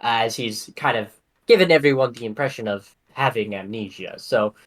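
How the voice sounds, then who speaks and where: A man's voice: medium pitch, normal speed. Rambling man playing a tabletop game. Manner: hesitant, rambling with many fillers. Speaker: player. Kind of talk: casual tabletop role-play.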